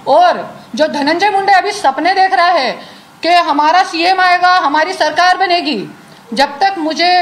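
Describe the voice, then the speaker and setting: A defiant woman speaks high and insistently to the press, hurling direct challenges at the people she accuses. A faint hum of noise sits behind her voice in the room. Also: low-quality recording. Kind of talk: impassioned media statement. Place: indoors at a media sitting.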